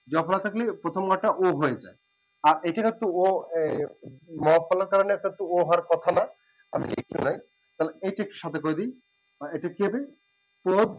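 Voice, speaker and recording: A man giving a spoken lesson, explaining step by step and repeating words slowly and drawn out. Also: on the high side, poor audio. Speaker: teacher.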